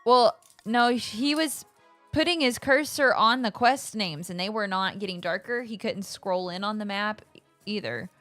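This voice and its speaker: A woman's voice: medium pitch, normal speed, a bit bright. A woman co-hosting a game stream in casual conversation, with music behind her.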